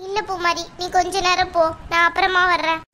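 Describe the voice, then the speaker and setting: A woman's voice: very high-pitched, little pitch movement, brisk, background noise. A woman voicing a grieving middle-aged village mother who laments and blames herself, in a cartoon. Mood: self-blaming. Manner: lamenting, plaintive. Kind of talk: cartoon voice acting.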